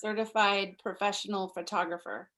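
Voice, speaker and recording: A woman hosting a video call meeting, teasing and bubbly with quick interjections. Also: medium pitch, fairly even intonation, fairly bright tone, rough recording. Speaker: meeting host. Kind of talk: casual video call chat.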